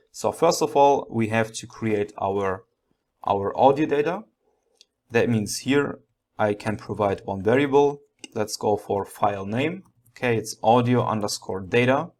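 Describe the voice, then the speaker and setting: A man's voice: on the low side, a little mellow. A man giving a step-by-step programming tutorial, thinking aloud and often checking in with a short okay.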